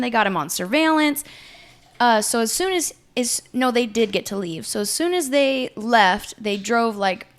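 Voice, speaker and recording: A young woman casually telling a wild story on a podcast, swearing freely and filling her talk with "like". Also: a little high. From Las Vegas area. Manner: profane, animated, lots of "like" fillers. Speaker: podcast co-host.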